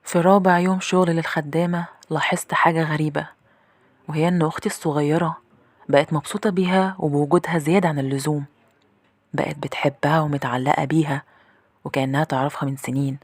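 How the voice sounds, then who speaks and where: A woman's voice: low voice, steady tone, fast, dry recording. A woman with an Egyptian accent narrating a first-person horror story in a tense, confiding way. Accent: Egyptian Arabic.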